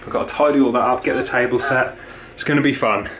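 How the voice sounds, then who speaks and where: A man's voice: medium pitch, fast talker, fairly bright tone, a little hiss or hum. A young man talking casually to camera in a home vlog, upbeat and chatty with lots of fillers. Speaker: fitness vlogger.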